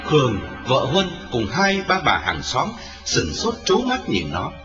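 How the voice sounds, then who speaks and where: A man narrating a dramatic story, expressive in his storytelling. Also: mid-range voice, unhurried. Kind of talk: dramatic audiobook reading. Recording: roomy, lo-fi, distant, with music.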